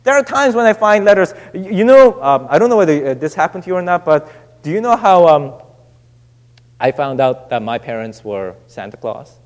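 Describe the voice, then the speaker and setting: A young male pastor preaches in a church hall, and long reverb trails after each phrase. His voice sits high for a man. He talks loosely and conversationally, restarting and filling gaps as he goes. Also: sing-song. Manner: conversational, halting with many restarts and fillers. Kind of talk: sermon. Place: church sanctuary.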